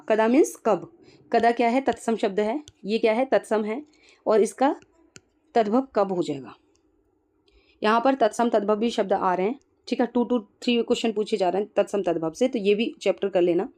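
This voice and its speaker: A woman's voice: a little high, a little mellow. A woman exam-prep teacher working through test questions one by one, explaining each answer and checking in constantly. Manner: explains quickly, with frequent "ठीक है" check-ins; mixes English terms into explanations. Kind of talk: solving exam questions aloud.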